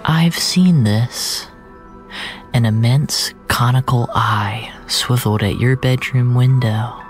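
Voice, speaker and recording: Over faint background music, a narrator with a mid-range voice reads a surreal, scripted audio drama. He keeps it measured and dramatic, often dropping into a breathy, near-whispered tone.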